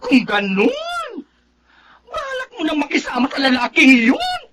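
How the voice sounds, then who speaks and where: Sassy, campy Filipino cousin, very animated. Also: female voice, high voice, measured pace, background noise, exaggerated voice. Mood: skeptical, concerned. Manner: campy, mixes in English slang. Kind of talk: Filipino radio drama acting.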